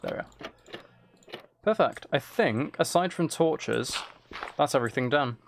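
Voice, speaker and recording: Hosting a casual game livestream, a man mutters to himself as he plays, repeats phrases, and reads and answers viewer messages. His voice is on the high side, expressive and unhurried, with slight background noise.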